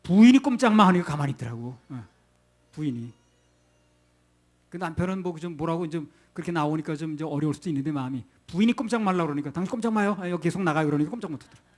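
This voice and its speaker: Male pastor, middle-aged, slightly higher-pitched, homespun conversational sermon delivery. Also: lively intonation, fast. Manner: conversational, folksy, with rhetorical questions.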